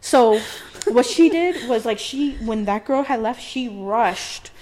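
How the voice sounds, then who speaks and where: A woman's voice: on the high side, slow pace, poor audio. A young woman in her twenties co-hosting a podcast, telling a chaotic story with lots of swearing and constant "like". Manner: profane, animated storytelling with heavy filler "like". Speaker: podcast co-host. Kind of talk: casual storytelling chat.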